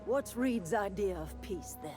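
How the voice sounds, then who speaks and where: Over background music, an older woman's video game dialogue sounds bitter and defiant. The actress uses a medium pitch, lively intonation and an unhurried, natural delivery to play a proud, motherly camp leader who talks in a plain, folksy way.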